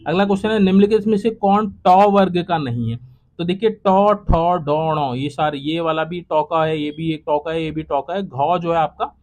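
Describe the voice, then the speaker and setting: A young man teaching exam prep, working through quiz questions one by one and repeating each answer, his voice trailing low at the end of each. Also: moderate pace, a little mellow. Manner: repetitive, drops to a low trailing voice at each close. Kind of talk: solving quiz questions aloud.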